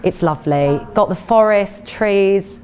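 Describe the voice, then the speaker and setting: A woman's voice: mid-range voice, unhurried, a little mellow. A woman with an Essex accent tinged with Cockney, giving a health talk and fielding questions in a chatty, explanatory way. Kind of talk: informal talk with audience questions.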